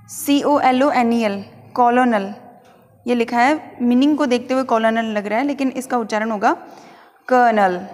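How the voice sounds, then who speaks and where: Woman, Rajasthani Hindi accent, pronunciation teacher, spells words out, slow deliberate repeats, long reverb. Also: on the high side. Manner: spells words letter by letter, then repeats each word slowly several times.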